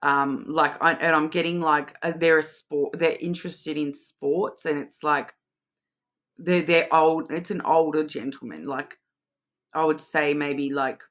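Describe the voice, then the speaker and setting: A middle-aged Australian woman gives an intuitive tarot card reading to camera, rambling with lots of ums and restarts. Her voice sits low with a steady tone and an unhurried pace, and the recording is muffled.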